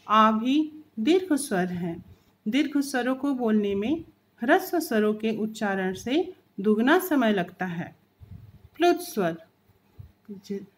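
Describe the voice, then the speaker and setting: A woman teacher giving a recorded grammar lesson to children, speaking carefully and drawing out each example sound. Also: fairly high pitch.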